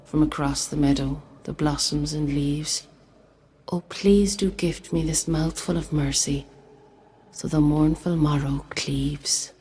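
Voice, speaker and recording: A woman playing a mournful ghostly figure, reciting a folk poem in a slow, wistful, deliberate way. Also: sits low, fairly even intonation, dark tone, slight background noise. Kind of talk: slow, measured verse recitation.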